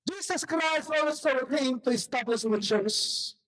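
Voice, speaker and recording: Hoarse pastor preaching to his congregation. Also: very high-pitched, slow pace, fairly bright tone, rough recording. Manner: mixes Tagalog and English, asks the congregation questions. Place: church service.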